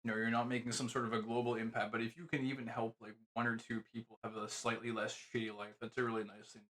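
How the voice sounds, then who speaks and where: A man's voice: medium pitch, level tone, quick pace, fairly bright tone, rough recording. A man streaming a reaction to a video, rambling casually and swearing often. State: talking with food in his mouth.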